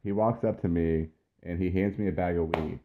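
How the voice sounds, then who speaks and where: Deep-voiced man rambling through a story. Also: fairly even intonation, normal speed, a little hiss or hum. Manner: profane, rambling storyteller with laughs. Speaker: podcast co-host. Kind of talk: casual storytelling chat. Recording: tinny phone-like lo-fi sound.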